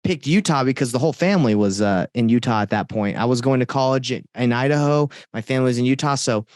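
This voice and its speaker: A man's voice: mid-range voice, quick pace, darkish tone, no echo, clean studio sound. A man in his thirties who grew up in Georgia, a friendly guest telling his story with some rambling restarts. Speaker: real estate guest. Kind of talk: conversational interview.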